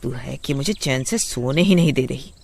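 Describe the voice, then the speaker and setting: A man voicing a harsh, bossy witch daughter-in-law in a kids' storybook, shouting scornful threats. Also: medium pitch, measured pace, no echo, natural voice. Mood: bossy, threatening. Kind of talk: storybook voice acting.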